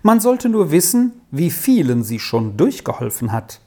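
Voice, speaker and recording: A reader voicing a composed farmer's wife who speaks calmly and unhurriedly. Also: medium pitch, pitched above the performer's own voice. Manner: calm and unhurried.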